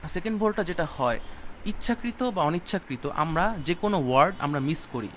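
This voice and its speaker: Man teaching exam prep, fairly high voice. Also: animated, brisk, a bit bright, a little hiss or hum. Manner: explains step by step, repeating himself, mixing in English terms. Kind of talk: recorded class lecture.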